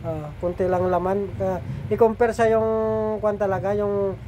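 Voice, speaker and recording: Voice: mid-range voice, fairly even intonation, moderate pace, warm tone, dull audio, slight background noise. A middle-aged food vlogger with a slightly nasal voice, chatting casually to viewers while eating and cooking, often turning to them for agreement.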